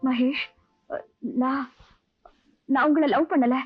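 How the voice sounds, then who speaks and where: A young heroine in a 1980s Tamil film, her voice pitched high as she pleads and apologizes with open emotion. The sound is dull and lo-fi, like an old film soundtrack, with faint music underneath. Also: steady tone, slow pace, breathy edge, heavily acted. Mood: remorseful. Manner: emotional, imploring, mixes English phrases. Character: young woman, remorseful, pleading with her suitor.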